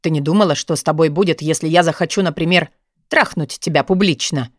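A woman's voice: no room sound, studio quality. A woman doing a weary, brooding dominant man. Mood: weary, firm. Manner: low, measured, tired tone.

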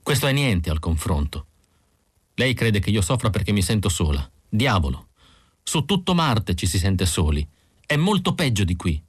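A man's voice: lowish voice, very animated, normal speed, husky, dry recording, clean studio sound. A man reading an audiobook, voicing a weary, bitter young woman android who speaks tensely and guardedly.

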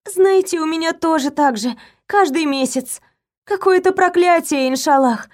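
A woman voicing a fussy, kind young female maid who chatters rapidly. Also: extremely high pitch, pitched above the performer's own voice. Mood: sympathetic.

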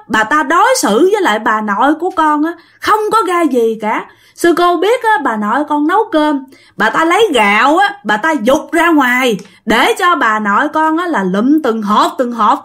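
Woman doing a wailing ghost child, shrill. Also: fairly bright tone. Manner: sobbing, pleading, accusing.

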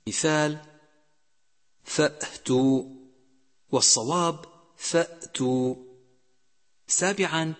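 A man teaching Quran recitation rules in a measured way, slowly drawing out each example word. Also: mid-range voice, husky. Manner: measured, numbered points, slowly drawn-out example words. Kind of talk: instructional lesson. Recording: long hall reverb.

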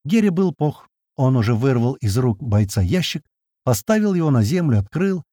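A man narrating a first-person audiobook in a colloquial, wry and expressive way. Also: mid-range voice, normal speed, no echo, studio quality.

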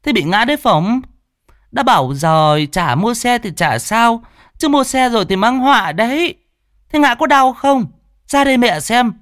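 A man's voice: very high voice, lively intonation, moderate pace, a bit bright, dry recording, clean studio sound, pitched above the performer's own voice. A man voicing a nagging middle-aged mother who scolds and fusses. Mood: scolding. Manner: scolding, fussy.

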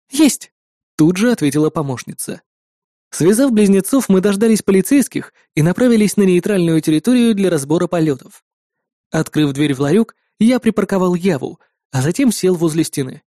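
A man's voice: dry recording, studio quality. A man reading a first-person story aloud and switching his voice for the different characters. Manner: shifts pitch and loudness to voice different characters. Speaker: audiobook narrator. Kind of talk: first-person narration with acted dialogue.

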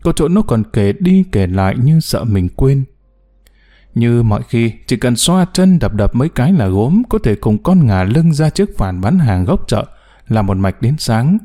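A man narrating a novel as an audiobook, with expressive storytelling. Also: mid-range voice, measured pace.

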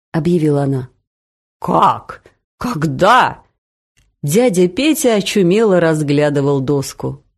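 A woman narrating a story aloud in an expressive reading voice. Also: lowish voice.

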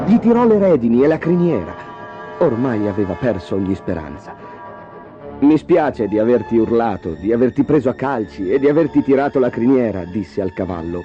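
Male storybook narrator, dramatic and expressive, warm tone, lo-fi recording. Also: medium pitch. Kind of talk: storybook reading.

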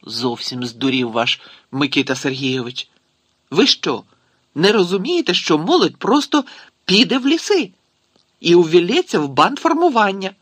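A man's voice: fairly high pitch, expressive, moderate pace, long pauses, fairly bright tone, no room sound. A man voicing a brusque, commanding Soviet security general who fires off curt questions. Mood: indignant.

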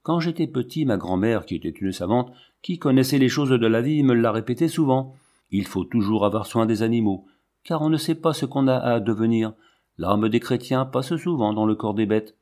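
A man's voice: medium pitch, moderate pace, a little mellow, natural voice. A man voicing a feverish, half-mad lion tamer. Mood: haunted, agitated. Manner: hissing, obsessive insistence.

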